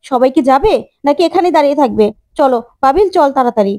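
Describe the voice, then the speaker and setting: Woman doing a firm stepdad, hurrying everyone, dry mellow voice. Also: high-pitched, expressive, quick pace, no echo. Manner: firm, urgent. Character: firm stepfather, urgent and protective.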